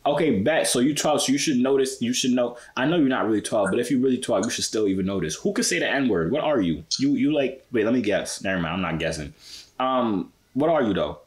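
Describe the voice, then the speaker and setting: Brisk and animated at a medium pitch, this American vlogger in his twenties talks with strangers online. He's casual and slangy, teasing them playfully.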